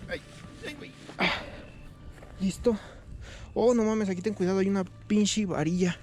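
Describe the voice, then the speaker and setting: A man's voice: high voice, moderate pace, a little mellow. A man with a Mexican accent vlogging casually on a night walk outdoors, chatty and slangy, with frequent exclamations. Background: music.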